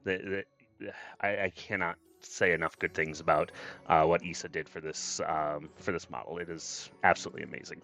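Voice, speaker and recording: A man's voice: low-pitched, little pitch movement, normal speed, gravelly, pushed and bright. A man chatting casually on a livestream as a VTuber, effusive and grateful in manner. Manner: effusive, grateful, often thanking viewers. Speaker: streamer and VTuber. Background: background music.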